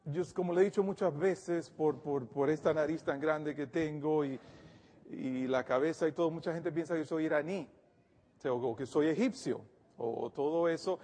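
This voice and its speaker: A man's voice: on the high side, normal speed, darkish tone, big-room sound. A man preaching a sermon to his congregation, earnest, addressing listeners directly and often repeating words as he restarts.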